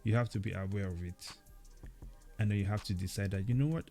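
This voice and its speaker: A man's voice: sits low, flat delivery, a little fast, darkish tone, faint music behind. A man co-hosting a casual chat show, talking animatedly and preachily, often tagging his points with "man" and "okay". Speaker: podcast co-host.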